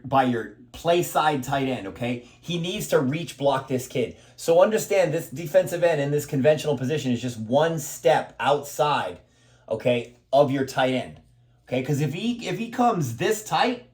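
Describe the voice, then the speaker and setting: A man coaching football, breaking down a play step by step, emphatic and repeating himself, with a steady "okay?" after each point. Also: mid-range voice. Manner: emphatic, repeats words while explaining.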